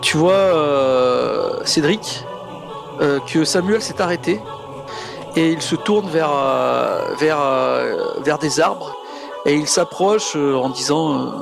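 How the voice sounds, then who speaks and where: A man improvising tabletop game narration as game master, in a hesitant, halting way, with music behind him. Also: fairly high pitch, gravelly.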